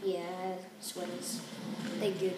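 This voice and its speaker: A woman's voice: on the low side, monotone, takes it slowly. A woman chatting playfully with a friend while playing a shooter game, cracking jokes and repeating lines in a sing-song way. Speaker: co-host of a gaming podcast. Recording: roomy echo, far from the mic, noisy.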